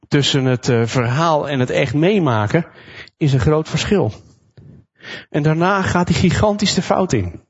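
Male preacher, fairly high voice, vivid storyteller who acts out quotes; slightly dull recording. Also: breathy edge. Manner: lively storytelling, acting out quotes. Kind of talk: sermon retelling a Bible passage.

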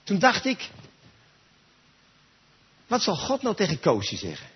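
Husky, lively-voiced male preacher. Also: high-pitched, slow. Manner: emphatic, speaks straight to listeners. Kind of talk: sermon. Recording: dull lo-fi recording.

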